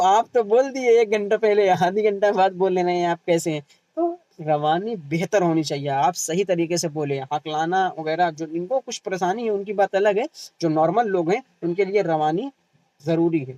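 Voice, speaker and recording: High-voiced Indian Urdu teacher lecturing. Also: male voice, dark tone, dry recording, rough recording. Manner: asks the class questions and answers them himself; repeats key terms, tag question "hai na". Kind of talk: exam-prep lecture.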